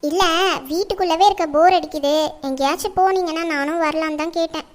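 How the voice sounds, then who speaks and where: A woman playing a whiny, high-voiced young daughter. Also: steady tone, quick pace, darkish tone. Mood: curious. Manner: whining, pleading.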